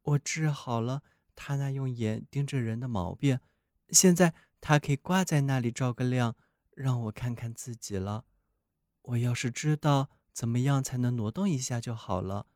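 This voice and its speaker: A man's voice: mid-range voice, normal speed, a little mellow, dry recording, studio quality, close to an everyday voice. A man voicing a naive newly built snowman who wonders about the sun and moon. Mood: wistful. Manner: wondering, boastful then wistful.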